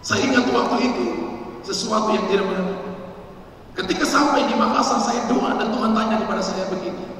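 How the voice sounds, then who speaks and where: A middle-aged Indonesian pastor preaching a testimony sermon, swinging from loud, emphatic lines to hushed ones. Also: male voice, sits high, a little fast, a little hiss or hum. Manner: storytelling preacher, acts out quoted voices, swings from loud to hushed. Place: large church hall. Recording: echoey hall, mic from far off.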